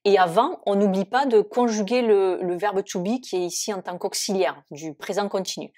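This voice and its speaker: Woman, English teacher, online lesson, patient explanations, frequent fillers, mid-pitched voice. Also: normal speed, warm tone.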